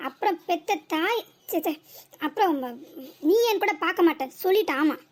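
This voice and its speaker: Woman doing a cheeky cartoon daughter with a southern tamil nadu accent, sarcastic comebacks, super high squeaky voice. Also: lively intonation, normal speed. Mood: mocking. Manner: mocking, sarcastic retorts. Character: sharp-tongued defiant young married daughter. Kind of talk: cartoon comedy dialogue.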